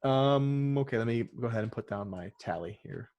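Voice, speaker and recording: A man's voice: medium pitch, fairly quick, highs cut off. A man hosting a sports podcast, reading out trivia questions and options in casual chat with joking asides. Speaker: podcast host running a trivia quiz.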